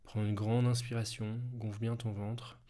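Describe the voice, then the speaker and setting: A man guiding a hypnosis session slowly in a soft, hushed, intimate voice, as if right in your ear. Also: fairly low pitch, flat delivery, slight background noise. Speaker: hypnosis guide, video host.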